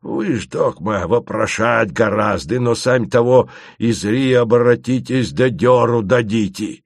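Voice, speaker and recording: A man's voice: medium pitch, unhurried, no echo. A man voicing a timid guide who speaks in old-fashioned folk phrases, in a dry recording. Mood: annoyed.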